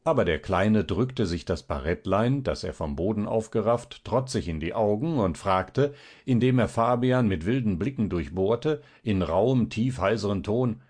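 Low-voiced male audiobook narrator. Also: lively intonation, moderate pace, few pauses, darkish tone.

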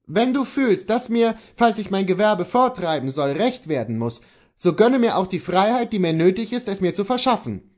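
A man voicing an earnest horse dealer in a classic story, speaking to his wife in a measured, gently persuasive way. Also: high-pitched, animated, voice pushed up. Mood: firm. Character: earnest horse dealer husband, steadfast and tender.

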